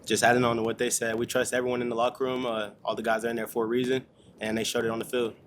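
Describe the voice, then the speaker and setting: A young man answers in a post-game interview as a college football player, talking quickly with little rise and fall. He sounds fluent and modest, putting the team first. There is slight background noise. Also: mid-range voice, completely flat delivery. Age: young adult.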